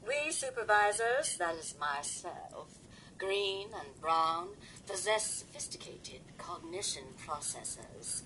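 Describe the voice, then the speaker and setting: Polished robot hostess, says darling, lively pitch, bright tone, video game dialogue. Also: female voice, slow pace, a little hiss or hum, exaggerated voice, low-quality recording. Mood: gracious. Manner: polished, calls everyone darling. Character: gracious female robot farm supervisor.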